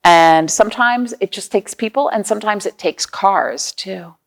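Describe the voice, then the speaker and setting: A woman leads a children's storytime, reading aloud, explaining things simply, and asking the young listeners questions. Her voice is medium in pitch, and she speaks at a moderate pace.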